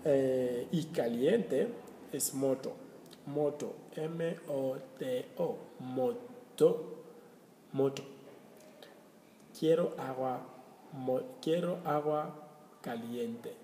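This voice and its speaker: A man teaching a slow language lesson, repeating and spelling out words letter by letter. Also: mid-range voice, warm tone, slight background noise. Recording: roomy echo with faint ambience.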